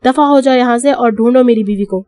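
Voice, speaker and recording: A woman's voice: on the high side, a little mellow, no echo, lightly acted. A stern young police officer who snaps out curt commands, read by a woman narrator. His words come clipped and hard. The recording is dry and close. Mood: commanding.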